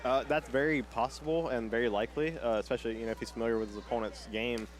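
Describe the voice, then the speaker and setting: A man's voice: mid-range voice, fairly even intonation, fast talker. A man giving analytical, conversational live commentary on a grappling match as a color commentator.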